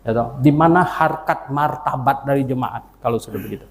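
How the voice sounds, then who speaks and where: An older man preaching a sermon as pastor. He moves between loud exclamations and quiet asides, tells humorous stories and asks the congregation questions. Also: brisk. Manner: animated, swings from loud exclamations to low asides. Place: church hall. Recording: church hall with long reverb.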